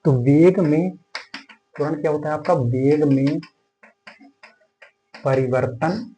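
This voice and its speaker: A man's voice: fairly high pitch, slow pace, mellow, low-quality recording. A male physics teacher lecturing at a board, asking and answering his own questions and starting nearly every sentence with "okay". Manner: filler "theek hai" starting most sentences.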